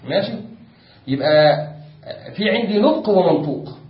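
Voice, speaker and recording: Egyptian male teacher, patient drilling manner, slightly high voice; distant, echoey, muffled recording. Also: lively intonation, moderate pace. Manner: patient, repeats and drills points, quizzes students. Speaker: Islamic law teacher. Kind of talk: classroom lesson explaining a text. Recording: echoey room, distant dull mic.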